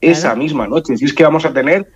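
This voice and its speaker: A man's voice: fairly high pitch, fast. Radio guest: Spanish man, nasal head-cold voice, explanatory and conversational, dull lo-fi sound. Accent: Spanish from Spain. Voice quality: nasal, congested. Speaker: science outreach association spokesman, radio guest. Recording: muffled, dull band-limited sound.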